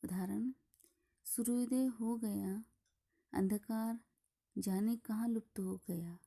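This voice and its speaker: A woman teacher explains a grammar lesson step by step, her delivery slow and deliberate. Her voice is dark and mellow with a gravelly edge, and it often thins into a husky, breathy half-whisper. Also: on the high side, fairly even intonation. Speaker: school teacher.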